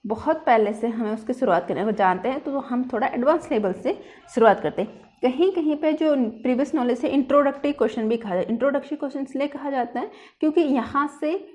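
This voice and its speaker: A woman with a fairly high voice lectures like a teacher in a classroom. She explains each point step by step. She reads English phrases slowly in an Indian English accent, then restates them in plainer words. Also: a little mellow. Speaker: teacher explaining a lesson plan.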